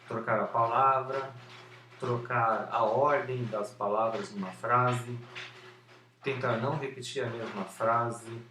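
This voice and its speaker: A man speaks slowly and deliberately to a camera, now and then repeating a syllable and leaning on fillers. His voice sits some way from the mic in a roomy indoor space. A faint hum of outside noise runs underneath. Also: medium pitch, steady tone, sharp tone, distant mic. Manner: slow, with occasional repeated syllables and many fillers. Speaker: former stutterer sharing his method. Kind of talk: unscripted talk to camera. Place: indoor room with an open window and street noise.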